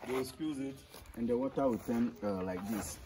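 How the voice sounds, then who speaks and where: A man's voice: medium pitch, moderate pace, crowd noise. A man working as a local tour guide, explaining things simply and repeating himself as he shows visitors around a farm. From Ghana. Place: outdoors on a farm. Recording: outdoor background noise.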